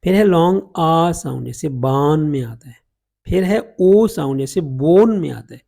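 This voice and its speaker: A man teaching English phonetic transcription in Urdu-Hindi, slowly sounding out English vowel examples one by one. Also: on the high side, lively intonation, creaky, mellow. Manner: slow, drawn-out demonstration of vowel sounds.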